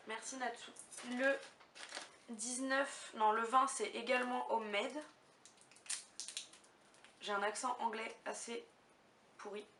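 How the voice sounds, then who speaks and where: A roomy, slightly distant recording with faint noise carries a woman's fairly high voice. She talks casually to camera like a vlogger unboxing gifts, gushing and thinking aloud as she goes. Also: a bit bright.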